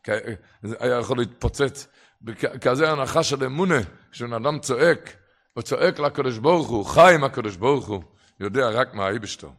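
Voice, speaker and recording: A man's voice: mid-range voice, a bit bright. A man preaching a religious sermon and telling stories, impassioned, with his voice swelling and dropping for emphasis. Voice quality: gravelly.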